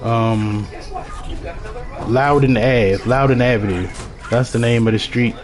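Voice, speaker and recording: Here's a slow-paced, medium-pitched man from Baltimore, Maryland, his strong local accent coloring a meandering, casual play-by-play of his own video game for viewers.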